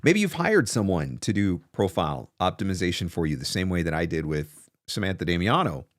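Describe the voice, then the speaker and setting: Low-pitched and sing-song, a man in his forties talks a bit quickly as he hosts a casual voiceover business advice stream, stressing ideas emphatically and through repetition. A large studio mic sits close in front of him in his small home studio, with no room sound at all.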